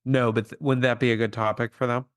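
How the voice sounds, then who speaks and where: Guy cohost on a podcast, deadpan wry humor, kinda rambly, dry close sound. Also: mid-range voice, fast, dry recording. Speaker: podcast co-host. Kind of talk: casual chat.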